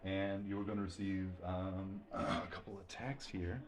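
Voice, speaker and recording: A man narrating as game master, relaxed and rambling, with lots of fillers. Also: deep voice, a little slow, very noisy.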